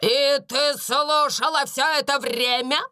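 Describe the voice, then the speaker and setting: A woman voicing a stern older schoolmistress who snaps out scornful commands, slow and high. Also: fairly even intonation, pushed and bright, heavily acted. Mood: harsh, angry.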